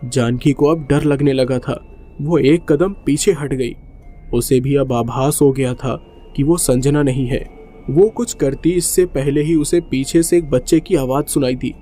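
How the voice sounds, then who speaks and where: A man narrating a horror story in a steady, suspenseful way. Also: mid-range voice, a little slow, faint music behind.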